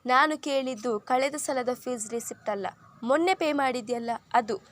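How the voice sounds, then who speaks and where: A sharp, no-nonsense elder sister from an audio story, acted by a woman narrator, questioning in a firm, probing way. Her voice sits high and stays pointed. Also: normal speed, slight background noise, natural voice. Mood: stern.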